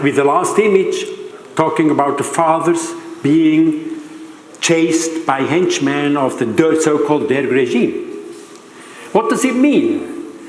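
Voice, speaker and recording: An older man lectures at a conference, his voice slightly high for a man. He pauses often to search for words and poses questions to the room. A long hall reverb surrounds him. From Switzerland. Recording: roomy hall reverb, faint background noise.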